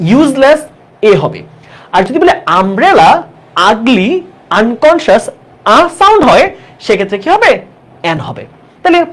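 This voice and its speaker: A woman teaching an exam-prep English grammar lesson, who keeps asking the class check questions and repeats key words slowly for emphasis. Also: a little high.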